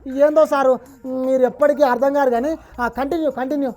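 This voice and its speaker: A woman's voice: high-pitched, steady tone, brisk, dark tone, faint music behind. A woman with a Telangana Telugu accent hosting a comic satirical interview, bantering teasingly and delivering lines dramatically.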